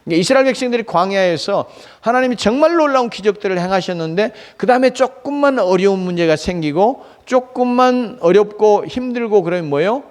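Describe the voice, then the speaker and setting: Animated Korean man preaching a sermon. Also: high voice, a little fast, hardly any pauses. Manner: animated preaching with rhetorical questions and fillers. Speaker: pastor. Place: church sanctuary.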